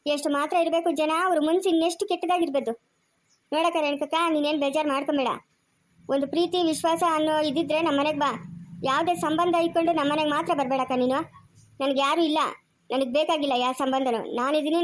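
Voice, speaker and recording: A bitter, defiant young mother with a rural Chikkaballapur Kannada accent, as an actress plays her in an amateur family drama. Her voice is high and her words come fast. She throws out accusing questions and refuses to give way. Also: lightly acted.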